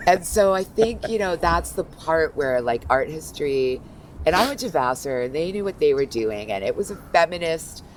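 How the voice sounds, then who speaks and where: A woman in her fifties, a guest art critic, talking in a lively, animated way full of asides. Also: low-pitched, normal speed, a little hiss or hum, rough recording. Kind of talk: casual interview talk.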